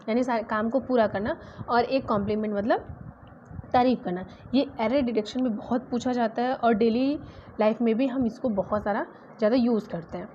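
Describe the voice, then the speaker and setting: Female grammar teacher, patient, spells words aloud letter by letter; dull lo-fi recording with faint hiss. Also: fairly high pitch. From India. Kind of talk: exam-prep grammar lesson. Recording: dull lo-fi sound with faint noise.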